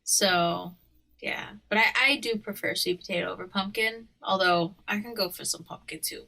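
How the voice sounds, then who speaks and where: A young woman co-hosts a podcast, chatting casually and telling stories with lots of animation and frequent laughter. Her voice is gravelly and medium-pitched, her pace moderate, and the audio quality is poor.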